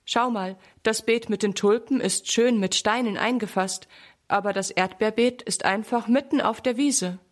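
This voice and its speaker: A woman's voice: on the high side, normal speed, close to an everyday voice. A woman reading the part of a sensible, helpful girl in a storybook reading.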